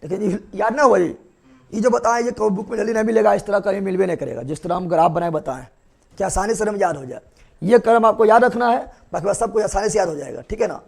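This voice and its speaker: A young male teacher, giving a classroom biology lecture and drilling students with repeated quick questions. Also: high voice, creaky, darkish tone.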